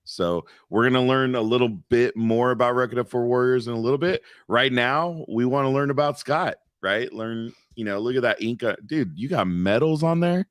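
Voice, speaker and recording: A man's voice: medium pitch, moderate pace, hardly any pauses, no echo, clean studio sound. A man co-hosting a casual veterans podcast, teasing his partner and then interviewing a guest. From Central Valley, California. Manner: playful teasing, relaxed. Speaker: podcast co-host.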